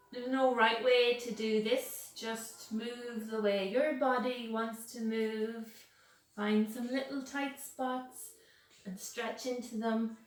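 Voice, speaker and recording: A woman guides a yoga class with calm, soothing instructions in a fairly high voice. She speaks very slowly and sounds distant from the mic in a very echoey room.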